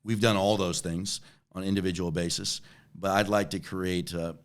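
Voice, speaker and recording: A company chief executive in his forties answers interview questions conversationally, often repeating words and checking in with "right?" His voice is low, clear, and resonant, with fairly even intonation and a normal speed.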